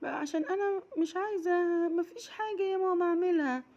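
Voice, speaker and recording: A woman's voice: very high voice, fast, a little mellow, dull audio, pitched above the performer's own voice. A woman voicing a small, impatient little girl who fibs and pleads, with an Egyptian accent. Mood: fibbing, pleading. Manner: pleading, whining, repeating calls.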